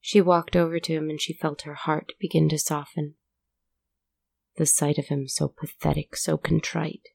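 A woman narrating a story in a measured, deliberate way. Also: sits low, flat delivery, creaky, darkish tone, husky, no room sound.

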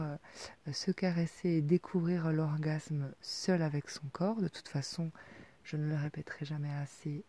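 Soft-spoken gravelly woman in her forties. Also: low-pitched. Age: 40s. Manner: soft, hesitant, many fillers, often dropping to a near-whisper. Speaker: sex educator. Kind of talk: intimate advice talk.

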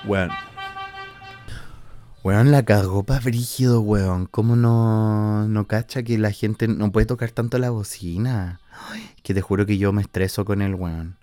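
Speaking at a measured pace with fairly even intonation, this Chilean podcast host in his twenties has a dark, lowish voice, recorded dry. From his countryside house he gives a casual monologue in Chilean Spanish, chatty, slangy, sweary, and heavy on fillers.

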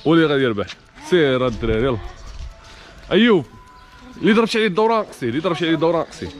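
A young man with a Moroccan accent hosting a challenge game, urging the players on with rapid repeated calls and frequent laughter. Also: fairly high pitch, expressive. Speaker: host running a challenge game. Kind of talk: energetic game commentary.

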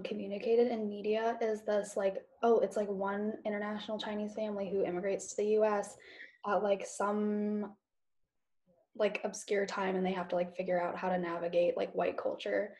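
A woman's voice: medium pitch, mellow. A young woman moderating a casual discussion who peppers her speech with "like.".

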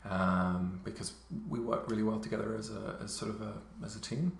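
A man in his thirties, raised in England and Luxembourg, telling stories in a relaxed way with many fillers. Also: lowish voice, a little fast, gravelly. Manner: relaxed storytelling, many fillers, occasional laughs. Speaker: interview guest. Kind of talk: casual conversation. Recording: echoey room.

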